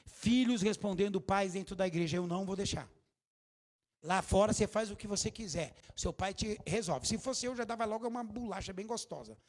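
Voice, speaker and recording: A middle-aged man with a Brazilian accent preaching a sermon in a church, jokey and scolding, bursting into shouts. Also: high-pitched, a little fast, few pauses. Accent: Brazilian Portuguese. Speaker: pastor. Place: church hall.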